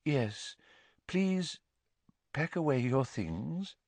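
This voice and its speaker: A man voicing a misty, dramatic female divination professor who foretells doom in a faint, drawn-out, theatrical way. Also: a little high, sing-song, darkish tone, no echo, voice pushed up, full character voice.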